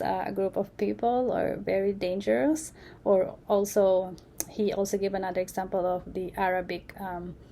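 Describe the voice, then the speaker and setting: A woman giving an unscripted lecture, halting often with fillers and restarts. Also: medium pitch, mellow, slight background noise. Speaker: presenter.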